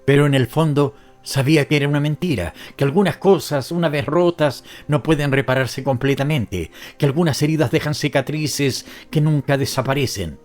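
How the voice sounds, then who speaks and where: A man's voice: on the high side, soft background music. Somber male audiobook narrator. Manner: somber, measured storytelling. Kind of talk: first-person audiobook narration.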